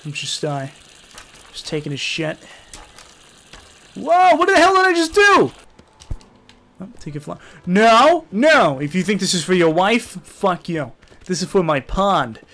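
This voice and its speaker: A young man commentating a game in a rowdy, profane way, yelling taunts at the characters. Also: fairly high pitch. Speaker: gaming YouTuber.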